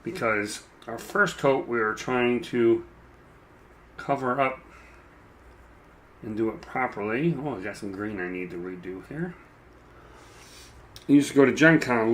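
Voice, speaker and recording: A man chatting casually while he paints a miniature, rambling and self-deprecating, with a dry, froggy throat that he keeps clearing. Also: medium pitch, normal speed, long pauses, a bit bright, slight background noise. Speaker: mini painting streamer.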